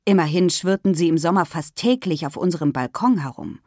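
A woman narrating a children's storybook in a lively, expressive reading voice. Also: fairly low pitch, brisk, no echo, clean studio sound. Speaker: audiobook narrator.

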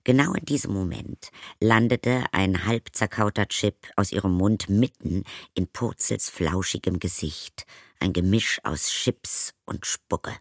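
A man with a very low voice narrates a children's story, lively and expressive, and speaks to the young listeners directly. The recording is dry, with no room sound. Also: unhurried, vocal fry, no room sound. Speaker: audiobook narrator.

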